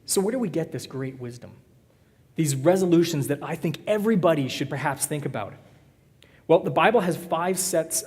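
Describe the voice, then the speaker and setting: A man preaches in a church, easygoing and quick to joke with his congregation. His voice sits a little high for a man. A long reverb from the sanctuary trails each phrase. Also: a little mellow. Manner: conversational, joking with the congregation. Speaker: pastor. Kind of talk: sermon.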